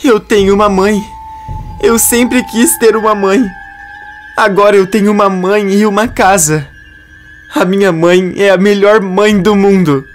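An emotional young man, crying and speaking eagerly in a voice pitched well above normal, as a male narrator puts him on. It sounds like a soap opera recap read aloud, with faint music underneath. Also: lively intonation, measured pace. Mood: tearful. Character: emotional young man who just found his mother.

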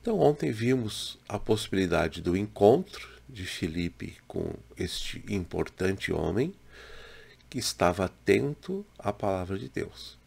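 A man in his sixties from Brazil, a pastor giving a slow, measured daily devotional to a webcam in a small home room. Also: lowish voice, very animated, vocal fry, husky. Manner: slow, measured, gentle preaching with pauses. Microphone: webcam in front, head and shoulders.

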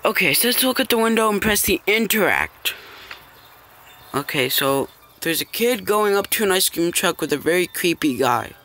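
Male gamer for casual let's play narration: bright, high voice, hesitant, thinking aloud. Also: lively intonation, normal speed. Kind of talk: casual gameplay commentary.

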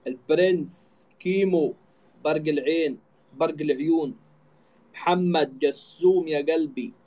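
A man with an Egyptian Arabic accent and a slightly high-pitched voice hosts a casual live stream. He banters and jokes, teasing in an easy conversational way. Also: a little slow, mellow, low-quality recording. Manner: joking, teasing. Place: indoor room, live video call.

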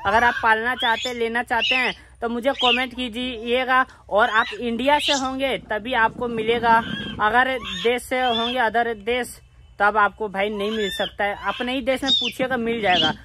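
A man's voice: very high-pitched, fairly even intonation, normal speed, background noise. A man, chatting casually and directly to his viewers outdoors at home. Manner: plain, repetitive, addresses viewers directly. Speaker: vlogger with a pet monkey. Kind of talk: casual vlog chat to viewers.

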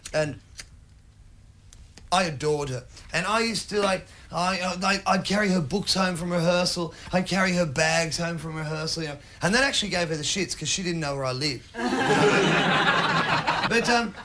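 A middle-aged man doing stand-up, telling a rambling story with sudden shouted bits, recorded live on stage. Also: fairly high pitch. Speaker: stand-up comedian. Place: comedy stage before an audience.

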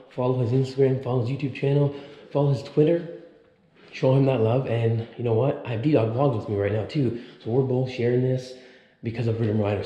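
With a medium-pitched, dark-toned voice, a thirtysomething man vlogs his casual walkthrough of a deserted mansion's big indoor rooms. Holding an action camera out at arm's length, he muses aloud and exclaims in awe.

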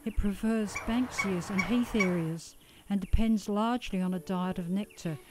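A woman with an Australian accent giving calm, scripted nature documentary narration as a voice-over. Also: mid-range voice, normal speed, background noise.

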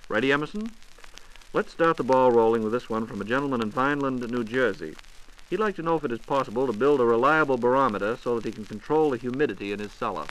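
An American man with a mid-range, fairly bright voice talks fast in a polished announcer style. He hosts and interviews on a scripted 1940s radio programme in a radio studio, preserved on a noisy vintage 1940s transcription disc.

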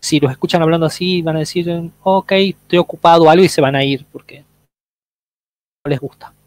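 A man's voice: fairly high pitch, steady tone, a little fast, no echo, poor audio. A man teaching an online English workshop, explaining step by step and checking in with his students often.

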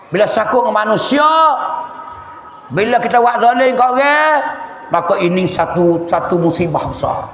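High-voiced Patani Malay preacher in an echoey hall. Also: male voice, a little hiss or hum. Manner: emphatic, repeats phrases, swings between loud and hushed. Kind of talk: religious sermon. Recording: echoey hall, dull lo-fi sound.

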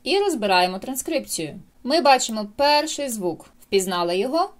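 A woman's voice: a little high, normal speed. A woman teaching English pronunciation in a video lesson, explaining each sound to her viewers. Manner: lively, explanatory, addresses viewers directly.

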